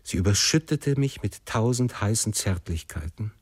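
A man narrating a classic novel in the first person, with measured, emotive storytelling. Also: on the low side, animated, slightly rough, dry recording, clean studio sound. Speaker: audiobook narrator.

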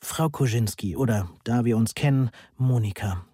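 Man doing stiff formal professor, unfeeling, measured, slightly raised, husky mellow tone. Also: mid-range voice, no echo, studio quality, close to an everyday voice. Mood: cool formal. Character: aloof male math professor, formal, unfeeling.

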